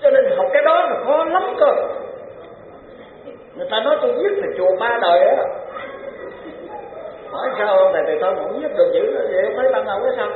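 A man's voice: extremely high pitch, animated, quick pace, pauses often, a little hiss or hum. A man giving a Buddhist dharma talk in a conversational, repetitive way, with chuckling asides. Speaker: Buddhist preacher. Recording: tinny, echoey hall recording.

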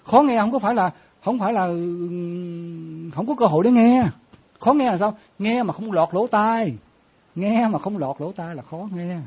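A man's voice: high-pitched, a little slow, darkish tone, slightly rough. A man, a Buddhist monk giving a conversational dharma talk and often quizzing his listeners. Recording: dull lo-fi sound.

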